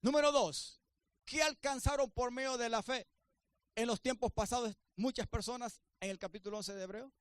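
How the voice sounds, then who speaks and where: Male pastor, sermon delivery, high voice, dry recording, emphatic rises with soft asides. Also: steady tone, moderate pace, no echo.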